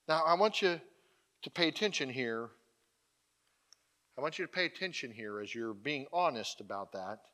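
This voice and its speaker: A man's voice: medium pitch, fairly bright tone. A man preaching a conversational sermon. He is emphatic and keeps checking in with the congregation through asides.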